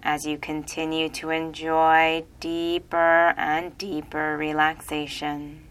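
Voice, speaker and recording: A woman reading a guided relaxation hypnosis script in a slow, soothing, repetitive way. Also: low-pitched, level tone, a bit bright, smooth, rough recording.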